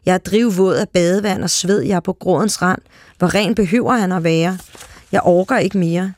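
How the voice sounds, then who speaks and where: A reader narrating a literary short story aloud in a calm, steady way. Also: mid-range voice.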